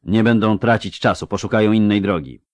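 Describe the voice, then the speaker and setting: A man voicing a calm, matter-of-fact male knight in an audiobook. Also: fairly low pitch, fairly quick, dry recording, close to an everyday voice. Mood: steady.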